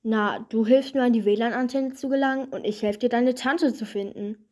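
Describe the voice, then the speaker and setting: A woman voicing a helpful, determined young man in a storybook, in a plain, steady voice. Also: a little high, normal speed, natural voice.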